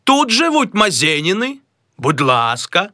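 A man's voice: high voice, huge pitch swings, measured pace, bright, forceful tone, no echo, studio quality, pitched above the performer's own voice, full character voice. A man doing a pompous clerk, Mazailo. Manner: self-important, tries several greeting voices. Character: pompous middle-aged man rehearsing a grand new name.

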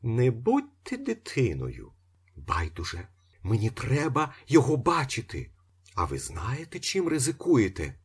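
A man voicing an irritable, ironic male locksmith who shouts and sneers in a husky voice. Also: medium pitch, wildly swooping pitch, unhurried, pitched above the performer's own voice, heavily acted. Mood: sneering.

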